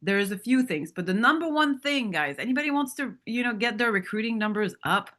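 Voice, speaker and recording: A woman's voice: fairly high pitch, expressive, fairly quick, a bit bright. A woman in her thirties or forties giving a motivational talk to a sales team on stage, candid and storytelling, often asking the audience questions. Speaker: motivational speaker at a sales training.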